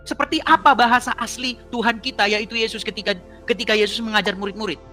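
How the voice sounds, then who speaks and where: Woman, debater, sharp bright tone, mocking, argumentative, faint music behind. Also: a little high, steady tone, quick pace. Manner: mocking, argumentative, laughs while pressing points. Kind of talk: heated online debate.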